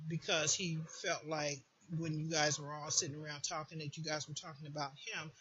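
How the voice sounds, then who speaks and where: A woman with a lowish, pushed, bright voice hosts and gives informal spoken advice, stressing points by repeating words emphatically. The lo-fi recording has faint background noise, and her voice becomes distorted late in the clip.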